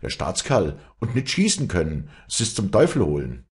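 A man's voice: low voice, huge pitch swings, moderate pace, voice pushed up. A man voicing a hot-headed young hunter who grumbles irritably in a Bavarian dialect. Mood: agitated.

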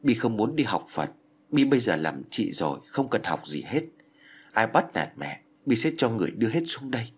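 A man's voice: fairly low pitch, very animated, moderate pace, husky. A man voicing a small, clingy, vengeful ghost girl who pleads and sobs, in a storybook reading. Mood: resentful. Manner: sobbing, pleading childlike talk.

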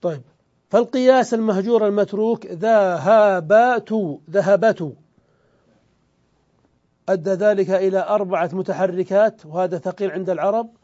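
A man teaching an Arabic grammar lesson, explaining step by step, asking questions and answering them himself, and drawing out the example words slowly. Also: high voice, dark tone, muffled recording. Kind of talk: classroom grammar lecture.

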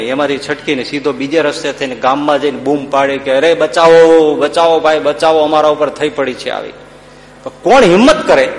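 Man telling a dramatic folk tale. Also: mid-range voice. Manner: vivid, rising to loud bursts at dramatic moments. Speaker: storyteller. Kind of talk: dramatic folk storytelling discourse. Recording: echoey hall with faint hum.

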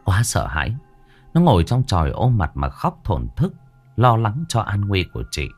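A man narrating a ghost story in a dramatic, expressive way. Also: on the low side, moderate pace, slightly rough, faint music behind.

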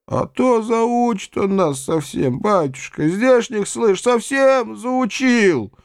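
Humble old peasant men, as a male reader acts them out, pleading in slow, stretched, beseeching words. Their voices ride high and lively, recorded close and dry. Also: clean tone, no room sound, heavily acted. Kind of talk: audiobook character voice.

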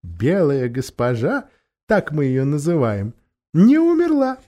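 A man voicing a flattering old hag woman in a thin, whining voice. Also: fairly high pitch, takes it slowly, pitched above the performer's own voice, full character voice. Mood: fawning. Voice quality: thin wailing voice. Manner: fawning, wheedling.

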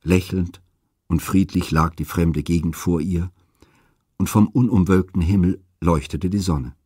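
A man narrating classical myths as an audiobook reader, with a steady, expressive delivery. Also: low voice, unhurried, slightly rough, no room sound, studio quality.

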